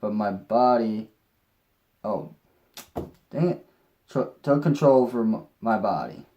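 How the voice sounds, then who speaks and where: A man's voice: fairly low pitch, slow, muffled recording. A young man telling a personal story in a rambling way, with restarts and mild swearing. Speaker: vlogger.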